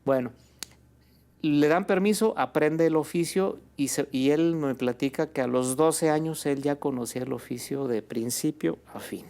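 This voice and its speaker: Gravelly-voiced Mexican man telling stories. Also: fairly high pitch, normal speed. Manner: relaxed, fills with "este" and "pues", ends phrases with "¿no?". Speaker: guest, birria restaurant owner. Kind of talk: conversational storytelling in an interview.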